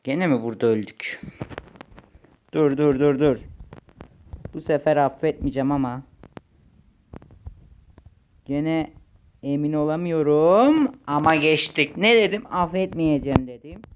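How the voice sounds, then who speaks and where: A young man giving casual gameplay commentary, chatty, muttering when frustrated and shouting when excited. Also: on the high side, unhurried, long pauses, slight background noise. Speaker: gaming YouTuber.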